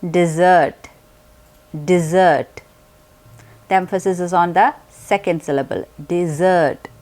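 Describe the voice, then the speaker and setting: A woman teaching an English vocabulary lesson, explaining words carefully with example sentences and spelling them out letter by letter. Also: medium pitch.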